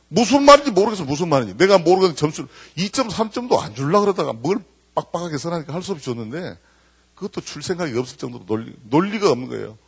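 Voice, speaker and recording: A middle-aged man giving a lively sermon-style lecture to a church congregation, telling stories and acting out the voices of the people in them. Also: on the high side, breathy edge. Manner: animated storytelling, acting out quoted voices; addresses the congregation directly. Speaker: guest speaker at a church service.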